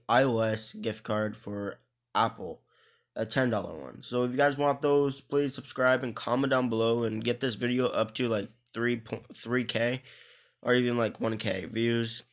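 A man's voice: medium pitch, steady tone, a little slow. A young man with an Irish accent chatting casually over his mobile game footage, rambling and often restarting his words. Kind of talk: casual gaming commentary.

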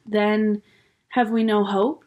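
A woman's voice: medium pitch, little pitch movement, slow, a little mellow, dull audio, natural voice. A woman voicing an anxious, sensible young girl in a storybook reading, urgent and worried.

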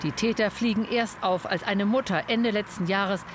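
A man with a notably high voice narrates a news report in a sober, measured tone. A faint hiss of background noise sits under the read. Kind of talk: scripted news voice-over.

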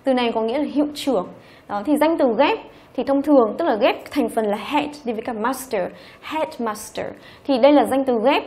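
Woman teaching, higher pitch. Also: warm tone. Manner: explains step by step, often checks with "ok?" and "đúng không?". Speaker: English teacher. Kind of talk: online exam-review lesson.

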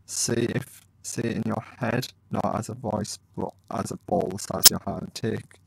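A man's voice: on the low side, fairly even intonation, moderate pace, gravelly, slightly rough, dry recording, low-quality recording. A man hosting a let's play, chatting casually to viewers and reading his dialogue choices aloud. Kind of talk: casual gameplay commentary.

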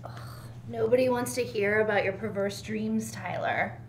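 An actress playing a gloomy, theatrical young roommate who speaks in grandiose, overwrought declarations. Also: female voice, mid-range voice, moderate pace, a little hiss or hum, lightly acted. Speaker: roommate Gwendolyn. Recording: roomy echo.

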